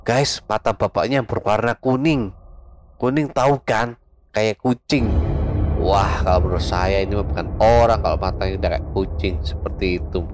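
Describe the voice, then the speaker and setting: A man narrating a ghost story casually, talking straight to his listeners. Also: fairly low pitch. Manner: chatty, addresses listeners directly. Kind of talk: casual horror podcast storytelling.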